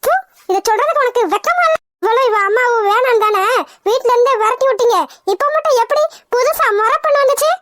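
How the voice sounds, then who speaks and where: A woman's voice: very high-pitched, brisk, a bit bright, no echo, studio quality. A woman voicing young women in a cartoon, emotional and pleading by turns. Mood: scolding. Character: young women, spirited but put-upon. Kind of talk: cartoon voice acting.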